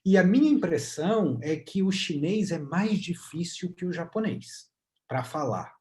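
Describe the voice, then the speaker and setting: A man's voice: sits high, animated, unhurried, dark tone. A man hosting a casual interview, asking questions in a conversational way. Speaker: host. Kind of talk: casual interview over video call.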